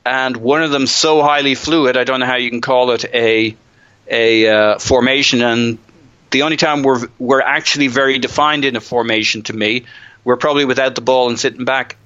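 A man's voice: mid-range voice, steady tone, normal speed, pushed and bright, no echo, muffled recording. A man co-hosting a podcast, chatting loosely and jokingly about football, often restarting his sentences. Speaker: podcast co-host. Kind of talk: casual football chat.

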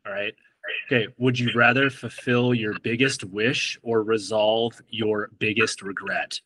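A man's voice: fairly low pitch, fairly even intonation, a little slow, pushed and bright, low-quality recording. A man co-hosting a podcast, asking questions in a playful, joking way. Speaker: podcast co-host. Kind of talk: casual interview chat.

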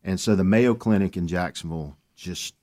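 A man with a somewhat low voice, speaking as a guest on a talk show. He tells his story earnestly and with animation, sometimes slowing to lean on a point. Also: warm tone. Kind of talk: casual radio chat.

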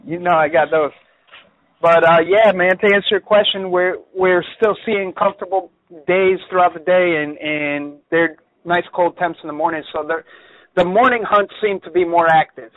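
A caller with a high-sitting voice chats casually with a hunting radio show at normal speed. He comes across as relaxed, laughing frequently and dropping "man" often, over a dry, tinny phone connection.

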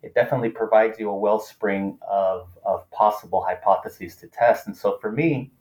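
A Los Angeles author and political scientist whose first language is Spanish speaks in a thoughtful academic interview. His voice is lowish, steady and a little mellow at a moderate pace, and he often uses fillers and restarts sentences.

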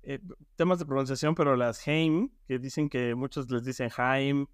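Chatty Mexican man, smooth voice. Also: medium pitch, moderate pace, no echo, clean studio sound. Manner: rambling, playful, lots of fillers and slang. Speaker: podcast co-host. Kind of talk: casual chat about music.

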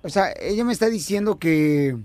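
A high-voiced man hosts a radio show and runs a prank call. He accuses the caller by passing along what someone else supposedly said about him. He sounds like he is straining to keep a straight face. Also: animated, normal speed, darkish tone. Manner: accusing, relays what others said.

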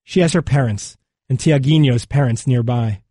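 A man reading a magazine feature as scripted narration, in a measured, solemn way. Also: mid-range voice, mellow, husky, dry recording, studio quality.

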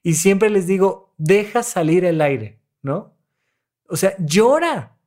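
A man's voice: sits high, lively intonation, slow, a little mellow. A Mexican-accented male therapist on a podcast. He coaches his listeners in a demonstrative way and acts out breaths and sighs as he explains. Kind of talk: podcast talk on emotions.

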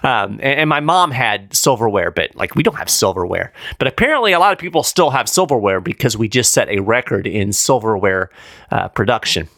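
A man's voice: lowish voice, big pitch swings, brisk, creaky, fairly bright tone, no room sound, clean studio sound. A man hosting a weekly precious-metals show, explaining figures in a casual, conversational way with frequent fillers. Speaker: podcast host. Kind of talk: casual market commentary.

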